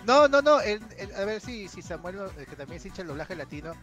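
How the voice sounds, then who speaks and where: Fast-talking man co-hosting a podcast. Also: high voice, sing-song, a bit bright, faint music behind. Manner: eager, explanatory. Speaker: podcast co-host. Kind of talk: casual gaming podcast chat.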